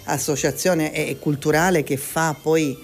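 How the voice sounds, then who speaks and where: A woman's voice: sits low, steady tone, measured pace, faint music behind. A woman with a Sicilian accent and bits of Sicilian dialect, chatting effusively and emphatically as a guest author in a studio. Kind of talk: casual chat. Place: radio studio. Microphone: studio mic with headphones.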